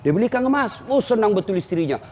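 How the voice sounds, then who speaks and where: High-voiced, teasing male preacher in a hall. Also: sing-song, fast, a little mellow. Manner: teasing, jokey preaching with direct address to the crowd. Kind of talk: comic sermon. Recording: echoey hall, faint hum.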